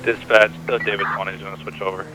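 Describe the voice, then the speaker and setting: A very deep-voiced man comes through a noisy police radio channel. He gives terse, clipped radio codes like an officer on patrol, over a hiss of background noise. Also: little pitch movement, fast.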